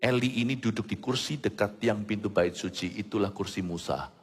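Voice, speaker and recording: A man preaching as a pastor, animated and acting out the voices of others, with English phrases mixed in. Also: fairly low pitch, brisk, husky. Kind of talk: sermon. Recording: long hall reverb, faint music.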